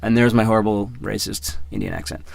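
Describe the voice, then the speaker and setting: A man's voice: fairly low pitch, fairly even intonation, brisk, creaky, no room sound. A man in his thirties hosting his own podcast in a casual, rambling monologue, mocking himself and repeating his words. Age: 30s. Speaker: podcast host.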